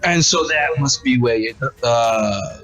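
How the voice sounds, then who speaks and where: A man voicing a conman who poses as a psychic, talking in a slow, theatrical, bluffing way. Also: medium pitch, fairly bright tone, soft background music.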